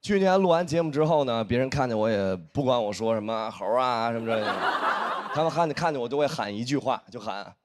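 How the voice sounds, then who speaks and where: A man works a live comedy stage, spinning a story and jumping into each character's lines. His pitch sits mid-range for a man. Loud audience noise fills the space around the stage mic. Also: quick pace. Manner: animated storytelling, acting out dialogue. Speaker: stand-up comedian. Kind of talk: stand-up comedy set.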